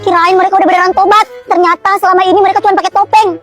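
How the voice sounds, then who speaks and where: A woman's voice: very high voice, level tone, racing, fairly bright tone. A woman voicing a dubbed comedy drama skit about rival school cliques, talking in a bickering, taunting, sassy way. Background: background music.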